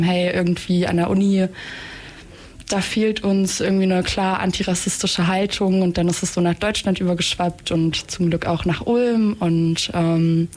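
A woman's voice: on the low side, a little mellow. A young adult woman speaking casually as a student activist guest in a radio interview.

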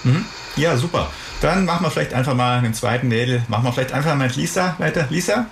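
A man hosting a radio studio interview, chatty and relaxed as he introduces guests and asks loose, rambling questions. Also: mid-range voice, fast, creaky, slight background noise. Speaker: radio host.

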